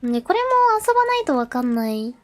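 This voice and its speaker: Woman streamer, high-pitched, casual filler-heavy chatter, live translation of a game. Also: big pitch swings, a little fast. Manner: chatty, lots of fillers, talks to herself while setting up; translates game narration aloud. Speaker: VTuber streamer.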